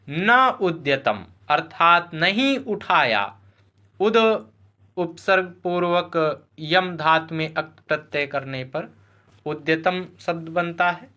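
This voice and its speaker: A man teaching Sanskrit, slowly glossing a classical verse word by word. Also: fairly high pitch. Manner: slow, measured word-by-word glossing; chants verse slowly and louder. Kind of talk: explaining a classical verse line by line.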